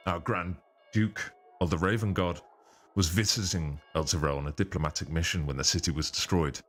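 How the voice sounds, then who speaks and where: Man using a voice changer, deep guard captain, curt commands, faint music behind. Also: a bit bright. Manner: curt, authoritative orders. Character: stern commanding male captain of the city guard. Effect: voice changer deepening the voice. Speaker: game master.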